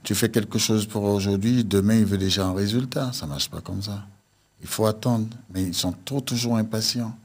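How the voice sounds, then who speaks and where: A man's voice: lowish voice, moderate pace, breathy edge. A man from Haiti who is a vodou priest, speaking plainly in a radio studio interview. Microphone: studio mic with headphones.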